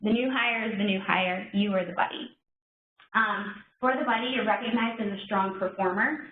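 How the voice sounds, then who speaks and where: A woman's voice: mid-range voice, steady tone, normal speed. A woman presenting a workplace program to staff in a meeting room, upbeat and chatty, joking about herself. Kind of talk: informational session presentation. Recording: echoey room, phone-like lo-fi sound, faint noise.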